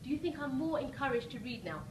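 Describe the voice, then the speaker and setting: The speaker is a female coach with a high-pitched, animated voice and a quick pace, rallying a live seminar audience with an emphatic motivational talk and regular short questions. The recording is roomy, distant-miked and noisy.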